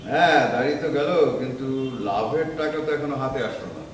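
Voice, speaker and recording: An actor playing a guarded, greedy factory boss who speaks curtly. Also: male voice, medium pitch, fast talker, natural voice. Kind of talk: TV drama acting. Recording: echoey room, clear noise.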